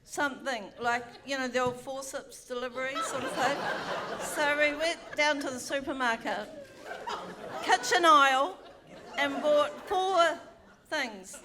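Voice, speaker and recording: A woman's voice: high-pitched, unhurried, crowd noise, background noise. Bawdy New woman telling a story. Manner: frank, bawdy and self-mocking, with chatty asides. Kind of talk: live comic storytelling. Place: theatre stage.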